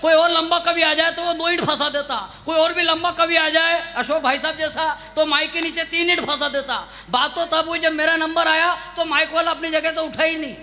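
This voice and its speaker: A man's voice: very high-pitched, fairly even intonation, a little fast, hardly any pauses, sharp tone. A man telling self-mocking comic stories on stage and urging the crowd to clap. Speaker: stand-up comedy poet. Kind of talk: live comic storytelling on stage. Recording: live stage mic in a large hall.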